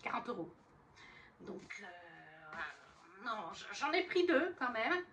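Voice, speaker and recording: A woman's voice: medium pitch, big pitch swings, slow pace, far from the mic, heavy background noise. A woman chatting casually about her books as a vlogger, rambling with fillers and restarts. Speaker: book vlogger. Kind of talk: casual chat.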